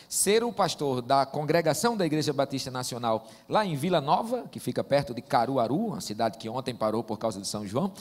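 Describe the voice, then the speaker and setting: A man, preaching as a pastor and telling stories in a folksy, joking way. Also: fairly high pitch. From Northeast Brazil. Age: 40s. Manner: warm joking storyteller, folksy asides. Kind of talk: sermon. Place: church sanctuary. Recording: long church-hall reverb.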